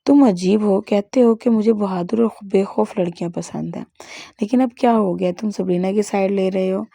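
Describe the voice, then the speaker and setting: A woman voicing a sharp-tongued, jealous young woman who speaks scornfully, as part of a story reading. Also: mid-range voice, vocal fry, no echo. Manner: scornful, spiteful.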